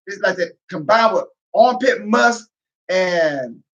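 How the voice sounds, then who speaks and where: A man, a military veteran, talking in a loud, profane, casual monologue, breaking into laughter as he goes. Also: high voice, slow pace, muffled recording. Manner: loud, profane, laughing asides, animated rant.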